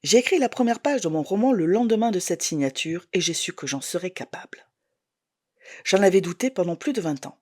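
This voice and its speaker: A woman's voice: on the low side, animated, brisk, darkish tone, dry recording, studio quality. A woman in her forties reading her own novel aloud as a first-person audiobook, telling the story expressively. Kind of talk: audiobook narration.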